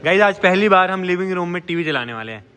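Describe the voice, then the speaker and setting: A man hosting a family vlog, excited and teasing as he questions everyone. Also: sits high, fast, clear, resonant tone. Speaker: vlogger host. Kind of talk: casual family vlog chat.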